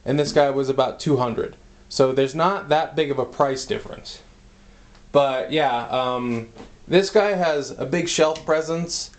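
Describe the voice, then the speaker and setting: Guy doing a casual toy review at home, kinda breathless, lots of uh and you know, medium voice. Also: medium pitch. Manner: rambling, halting, full of "uh" and "you know". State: slightly out of breath. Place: room at home, standing by a camera on a tripod. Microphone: camera on a tripod.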